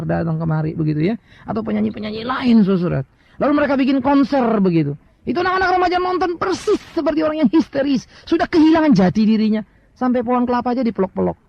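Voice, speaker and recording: A middle-aged Indonesian pastor preaches in a very high, gravelly voice. He tells stories, asks rhetorical questions and slips in English words. The sound is dry and dull, lo-fi. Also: dry recording. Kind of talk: sermon.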